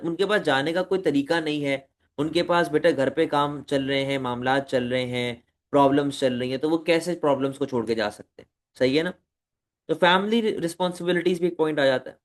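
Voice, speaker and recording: A man giving an economics lecture, talking to students as "beta", asking rhetorical questions and mixing in English terms. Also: a little high. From Pakistan. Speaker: economics teacher. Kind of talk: recorded lecture.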